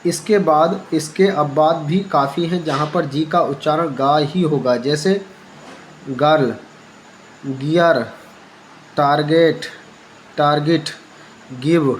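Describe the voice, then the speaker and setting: A man in a home-made lesson video explains how English letters are read, in a voice a little higher than usual. He is patient and repeats each rule, then asks it back to his listeners as a question. A faint background hum runs under the recording. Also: slow, long pauses, low-quality recording. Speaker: English teacher. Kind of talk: Hindi phonics lesson for beginners.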